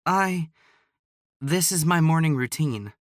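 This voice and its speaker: A man's voice: fairly high pitch, slow pace, no room sound, studio quality, pitched above the performer's own voice. A man doing a flustered young mother.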